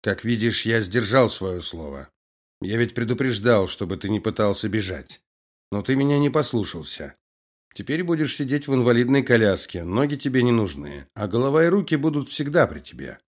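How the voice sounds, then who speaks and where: A man reading an audiobook, voicing a cold, calm male colonel who gives orders and gloats. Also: mid-range voice, normal speed, natural voice. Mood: cold, commanding.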